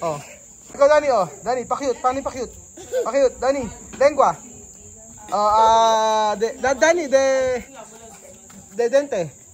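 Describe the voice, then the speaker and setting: A man's voice: very high voice, unhurried, long pauses. A man from the Philippines vlogging casually, teasing and joking with local children and mixing in simple Spanish. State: out of breath. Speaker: travel vlogger.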